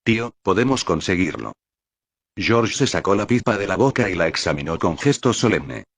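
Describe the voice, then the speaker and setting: Low-voiced male audiobook narrator. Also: animated, fairly quick, husky. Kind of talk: scripted narration.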